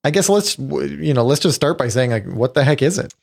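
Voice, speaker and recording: A man's voice: mid-range voice, lively intonation, brisk, gravelly, darkish tone. A man hosting a tech podcast, chatty and joking in casual talk, often laughing. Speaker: podcast host.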